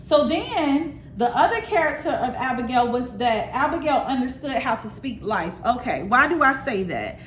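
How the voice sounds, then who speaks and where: A woman's voice: sits high, big pitch swings, moderate pace, few pauses, a little hiss or hum. A woman preaching an informal sermon straight to her listeners. She speaks emphatically, repeats her key lines and drops in casual asides.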